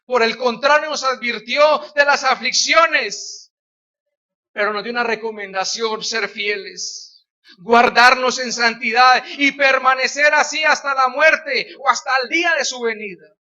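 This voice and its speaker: High-voiced preacher, animated storytelling. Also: male voice, unhurried, lo-fi sound. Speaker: pastor. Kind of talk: sermon.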